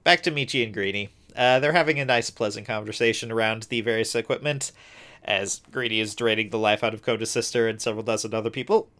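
A man's voice: on the low side, fairly even intonation, fast talker, bright, forceful tone. A man co-hosting a casual chat, giving wry, sarcastic summaries of a TV episode with many filler words. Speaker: podcast co-host.

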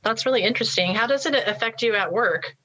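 A woman's voice: a little high, fast, pushed and bright, dull audio. A woman interviewing, asking brief questions and giving short encouraging replies.

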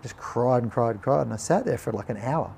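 A man talks as a podcast guest. His voice sits at a middle pitch with a gravelly rasp. He tells his story in an animated way and acts out the other people in it. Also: brisk, slight background noise. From Australia. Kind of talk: personal storytelling in conversation.

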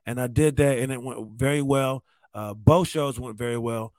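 A man's voice: medium pitch, moderate pace, darkish tone, no room sound. A male stand-up comedian telling stories in a loose, conversational way, often saying "man" and "like". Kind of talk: casual storytelling monologue.

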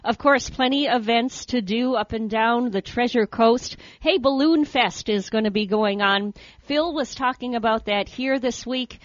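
A woman's voice: a little high, dry recording. Female radio co-host, casual and chatty listings read, dry muffled studio sound. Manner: chatty, reading event listings.

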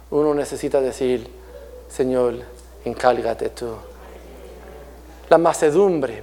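A man preaching a sermon, earnest and repeating words as he restarts, his delivery moving between raised and hushed passages. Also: a little high.

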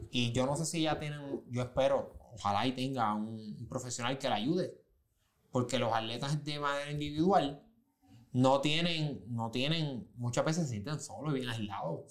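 A man talks casually in a studio, his voice pitched mid-range for a man. He tells stories loosely and slangily, often restarting his sentences. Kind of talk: casual chat. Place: recording studio.

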